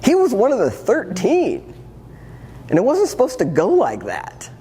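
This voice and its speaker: Lively-voiced man in his fifties. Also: high-pitched, a little slow, a little hiss or hum. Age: 50s. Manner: earnest, reflective, with wry humor. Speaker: transformational coach and speaker. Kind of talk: personal storytelling talk. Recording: long hall reverb, faint ambience.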